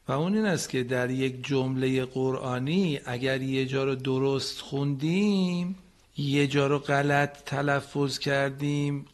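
A man teaching Quran recitation on a radio lesson. He corrects students patiently and models phrases slowly, sometimes chanting them. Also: medium pitch.

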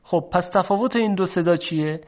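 A man teaching how to pronounce Arabic letters, speaking slowly and deliberately and repeating each sound for the listener to practice. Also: high-pitched, a little mellow. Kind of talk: recorded pronunciation lesson. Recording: dull lo-fi recording.

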